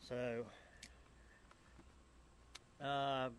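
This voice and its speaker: A man's voice: medium pitch, flat delivery, extremely slow, clear, resonant tone. A man co-hosting a casual chat outdoors, easygoing and rambling, laughing often. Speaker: podcast co-host.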